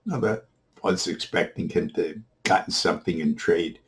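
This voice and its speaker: A man telling a long joke in a steady storyteller manner. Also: low-pitched, moderate pace, a little hiss or hum. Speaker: comedian.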